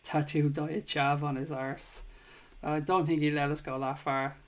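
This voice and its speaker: An Irish man in his thirties hosts a casual live football chat stream, speaking at a measured pace in a level, somewhat high voice. Chatty and warm, he reads out viewer comments, thanks people, and swears now and then.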